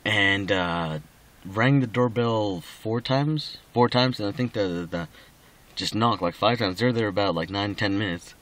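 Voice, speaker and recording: Drunk, slurry, rambling man with a low voice. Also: unhurried, fairly bright tone. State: drunk, slightly slurred speech. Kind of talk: casual rambling personal recording.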